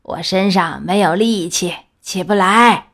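A woman voicing a frail, sick old grandmother who talks slowly and weakly. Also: fairly low pitch, fairly bright tone. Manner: slow, weak.

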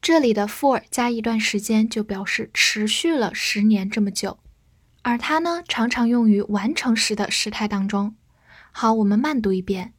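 A woman teaching English words, explaining in Chinese and reading each English example slowly, then repeating it. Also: fairly high pitch, breathy edge, no echo, studio quality. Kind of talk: vocabulary lesson.

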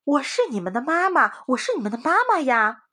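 A woman's voice: high-pitched, big pitch swings, a little slow, a bit bright, no echo, studio quality, pitched above the performer's own voice, exaggerated voice. A woman voicing a greedy, sly big grey wolf in a children's bedtime story. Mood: pleading. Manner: pinched fake-sweet singing, then whining in pain.

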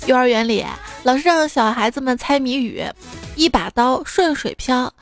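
A woman hosting a show, telling funny stories in a lively, playful way. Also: sits high, moderate pace. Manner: lively, playful, acts out children's voices. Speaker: host. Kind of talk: comic storytelling. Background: faint background music.

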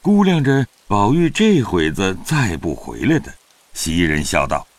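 A man narrating a classic novel in an audio drama, in an expressive storytelling manner. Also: fairly low pitch, unhurried, no room sound.

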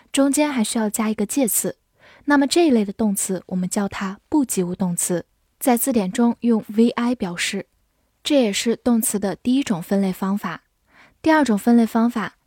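A woman with a fairly high voice teaches vocabulary in a scripted lesson. She speaks clearly and evenly and slows down to spell words out and read example sentences. Her voice is recorded close and dry, with no room sound. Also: mellow, no room sound.

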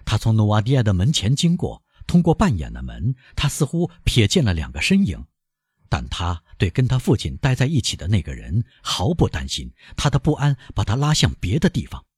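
A man reading a novel aloud as an audiobook narrator, in a dramatic, expressive manner. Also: lowish voice, brisk, slightly rough, no room sound, studio quality. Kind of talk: scripted narration.

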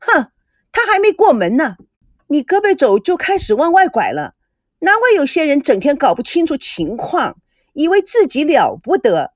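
A woman voicing a spoiled, sharp-tongued young woman who talks loudly and sarcastically in a storybook reading. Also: high-pitched, no room sound, studio quality, heavily acted. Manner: sulky, loud and sarcastic.

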